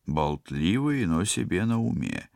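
A man voicing a calm, matter-of-fact ship doctor in an audiobook. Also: sits low, a little slow, creaky, dry recording, studio quality, heavily acted.

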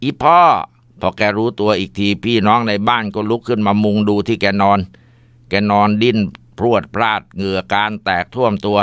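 Smooth-voiced man telling a ghost story. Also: on the low side, dry recording. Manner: relaxed, informal telling with fillers.

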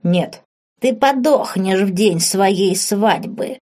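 A woman voicing an ancient, half-mad witch, three hundred years old, who talks calmly one moment and shrieks the next. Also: mid-range voice, takes it slowly. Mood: shrieking curse. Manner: shifts between calm, shrieking and cackling.

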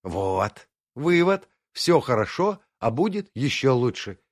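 A man's voice: medium pitch, big pitch swings, slow, no echo, studio quality, pitched above the performer's own voice. A man voicing a frank, thoughtful young woman in an audiobook, candid and wry.

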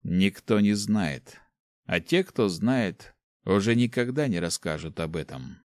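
A man voicing a weary, secretive male dark mage teacher who speaks slowly and gravely, in an audiobook. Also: on the low side, expressive, no room sound, studio quality. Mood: ominous. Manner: slow, grave, ominous.

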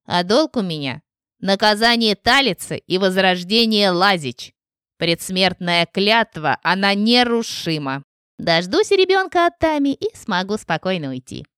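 A woman voicing a female witch ghost who talks in a calm, scornful and biting way. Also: medium pitch, unhurried, smooth, no echo, studio quality. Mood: solemn. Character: mocking female witch ghost, cool and sharp.

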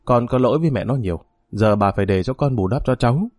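A man's voice: medium pitch, fast, a little mellow, no room sound, studio quality, lightly acted. A man voicing a middle-aged father who pleads and apologizes. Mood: pleading.

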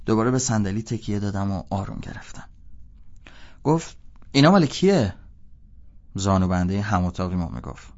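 Gravelly low-voiced man narrating a novel. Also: lo-fi sound. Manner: casual, slangy storytelling. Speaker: audiobook narrator. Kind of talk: narrating a novel in first person.

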